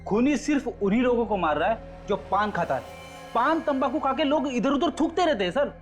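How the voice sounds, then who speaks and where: An actor playing an excitable, grumbling junior policeman for comic effect in a TV crime drama. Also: very high voice, fairly quick. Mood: eager. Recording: music behind the voice.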